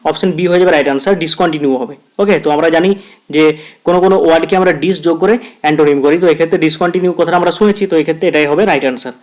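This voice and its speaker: A man's voice: on the high side, a little mellow. Man teaching grammar in a Bengali accent. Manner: addresses viewers as friend, repeats phrases; reads English quiz sentences slowly, word by word. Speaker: English teacher. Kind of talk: exam-prep grammar lesson.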